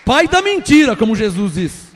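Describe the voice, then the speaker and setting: A pastor preaches with force and emphasis. His voice is very high for a man. He keeps pressing his listeners with pointed questions. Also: very animated, moderate pace. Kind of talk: sermon.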